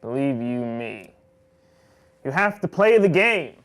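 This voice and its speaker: An actor playing a petty, pompous, vindictive office boss who scolds melodramatically in a comedy drama. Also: male voice, mid-range voice, big pitch swings, slow pace. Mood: condescending, scolding. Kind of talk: comedic audio-drama dialogue.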